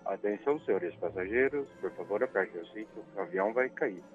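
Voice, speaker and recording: A caller putting on a pilot's intercom announcement. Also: male voice, on the low side, lively intonation, fairly quick, pitched below the performer's own voice, natural voice. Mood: announcing. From São Paulo state, Brazil. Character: male airline captain announcing over the intercom. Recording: tinny phone line, faint music.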